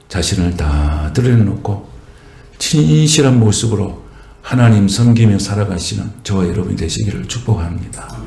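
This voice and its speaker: A man with a Jeolla Korean accent preaching a sermon as a pastor, swelling higher and slower on key phrases. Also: creaky, dark tone. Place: church sanctuary. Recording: echoey church room.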